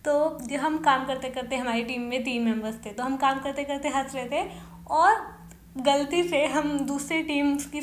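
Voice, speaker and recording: A woman's voice: high-pitched, a little hiss or hum. Chatty young woman in echoey room. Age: young adult. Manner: chatty, mixes English phrases into her talk. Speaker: podcast host. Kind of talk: casual storytelling. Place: bedroom. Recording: echoey bedroom recording.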